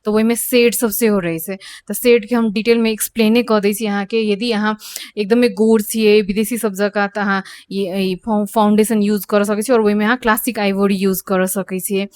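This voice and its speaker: Woman, makeup instructor, beauty tutorial, hesitant with fillers, middle pitch, dry close sound. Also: flat delivery, darkish tone, dry recording. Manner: hesitant, with frequent pauses and fillers, mixing in English phrases.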